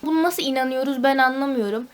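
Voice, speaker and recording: A woman's voice: high-pitched, fast talker. A young woman, a university student, venting at home in a casual vlog, talkative and mock-dramatic. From Turkey. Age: young adult.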